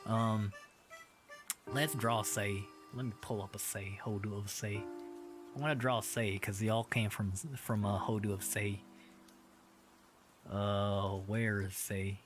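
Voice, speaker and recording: A man's voice: on the low side, fairly even intonation, unhurried, long pauses, over music. A young man streaming, chatting casually while drilling Japanese words, playfully putting on a Southern drawl. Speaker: variety streamer. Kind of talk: casual livestream chat while studying Japanese. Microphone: streaming microphone.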